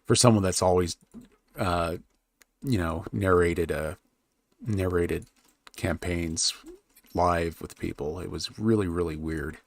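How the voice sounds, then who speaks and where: Low gravelly man musing over his map. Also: fairly even intonation, slow, long pauses. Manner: thinks aloud, muttering while he works, then perks up to talk to chat. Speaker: streamer drawing a fantasy map with chat. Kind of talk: casual live-stream chat while working.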